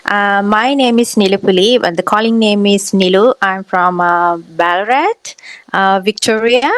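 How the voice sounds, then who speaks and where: A woman, a pageant guest on a podcast, speaking earnestly and haltingly with frequent fillers. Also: mid-range voice, dry recording. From Sri Lanka. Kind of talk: podcast interview.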